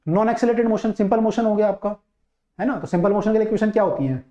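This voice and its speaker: Male physics tutor, high-ish voice, dark tone, chatty and coaxing, repeats points; roomy, muffled recording. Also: quick pace. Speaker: physics teacher. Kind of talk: online class lecture. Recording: dull, roomy online-class audio.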